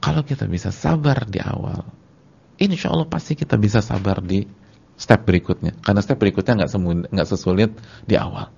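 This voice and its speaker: A male preacher with a low, gravelly, husky voice, talking to his congregation in relaxed everyday slang. He drives each point home by repeating words, jumping up in pitch and dropping back down. The recording sounds dull and lo-fi. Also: a little fast. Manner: lively, animated, repeats words for emphasis; casual Jakarta slang with a congregation. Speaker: Islamic preacher. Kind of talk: sermon.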